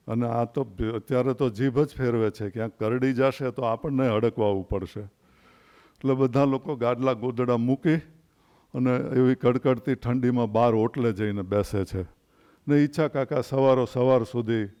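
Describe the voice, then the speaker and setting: An older man in his sixties speaks at a literary gathering. He tells stories and anecdotes in a measured, unhurried way and pauses between phrases. His voice sits at an ordinary, mid-range pitch for a man. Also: darkish tone. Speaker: invited speaker at a literary event.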